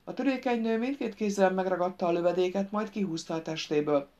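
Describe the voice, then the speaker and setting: A woman narrating an audiobook with a steady, even storytelling delivery. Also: lowish voice, dull audio. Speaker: audiobook reader.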